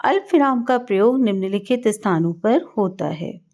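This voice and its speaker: A middle-aged woman teaching a grammar lesson to children in a slow, explanatory classroom manner. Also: mid-range voice, lively intonation, darkish tone.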